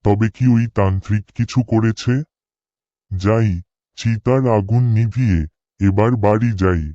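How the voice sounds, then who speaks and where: Lowish and mellow, this man's voice moves unhurriedly with fairly even intonation, lightly acted. He plays an earnest, dutiful cremation-ground worker from a village in a horror cartoon, sounding puzzled and uneasy through dialogue and spoken thoughts, with no room sound and dull audio.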